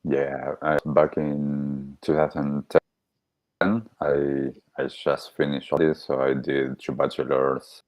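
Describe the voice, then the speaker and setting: A man born in Argentina with an extremely deep, very even voice speaks in a halting way, restarting his sentences often. The audio is dry and a little dull, as from a remote call. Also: no room sound. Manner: halting, with many restarts and fillers. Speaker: podcast guest, wellbeing coach. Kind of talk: casual interview talk.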